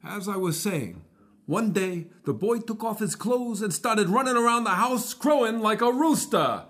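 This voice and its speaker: A man telling a folktale to a live audience, playful and animated. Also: high-pitched, unhurried. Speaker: storyteller.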